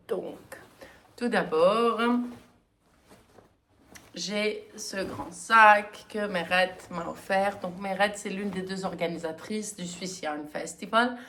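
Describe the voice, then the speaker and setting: A woman hosting her knitting podcast in a casual, chatty way, often pausing with hesitant fillers. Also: fairly low pitch, a bit bright. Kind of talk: casual chat.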